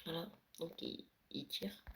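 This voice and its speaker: A young vlogger touring a Minecraft world late at night, often whispering and speaking softly. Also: a little slow, rough recording. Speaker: gaming vlogger. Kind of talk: casual Minecraft world tour. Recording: loud background noise.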